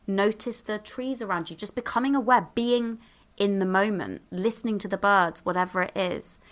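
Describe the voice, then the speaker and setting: A bubbly woman chats as a podcast guest, full of little exclamations and fillers as she hands out advice. Her voice is bright and forward, with a crisp edge, and she speaks into a handheld microphone. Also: medium pitch, normal speed. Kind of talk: casual advice in conversation.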